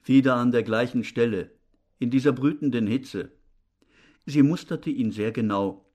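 A man with a mid-range voice reads a novel aloud as an audiobook narrator. His scripted narration follows a measured, even storytelling manner.

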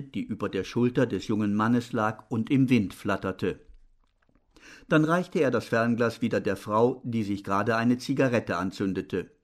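A male narrator reading a novel aloud in a measured, even storytelling manner. His pitch sits in a typical middle range for a man. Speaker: audiobook narrator. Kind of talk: scripted narration.

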